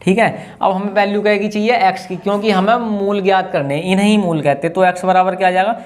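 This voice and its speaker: In a classroom lesson, a man with a high voice and a tinge teaches math, talking through every step aloud and repeatedly questioning his students. He speaks fast with fairly even intonation.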